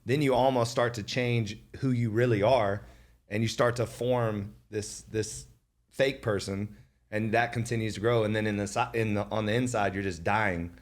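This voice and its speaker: A man's voice: lowish voice, steady tone, moderate pace. A man hosting a podcast, talking casually and emphatically, repeating words for stress. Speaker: podcast host.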